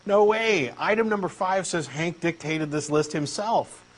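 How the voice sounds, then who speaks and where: A man with a Texan accent and a fairly high-pitched voice takes his time, reading a comic dialogue unhurriedly. He's a co-host in a dramatic reading, cast as an eager, insistent believer who comes across earnest and pushy.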